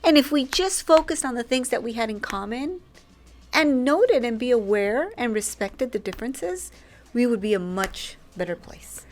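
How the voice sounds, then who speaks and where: A woman co-hosting a podcast, talking in an animated, provocative way. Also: a little high, normal speed, faint music behind. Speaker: podcast co-host. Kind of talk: casual discussion.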